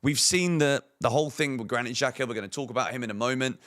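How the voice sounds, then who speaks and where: A man with a croaky, hoarse voice delivers opinionated football transfer news on a fan channel, peppering it with emphatic rhetorical questions. His pitch is medium, his pace quick, and his tone a bit bright.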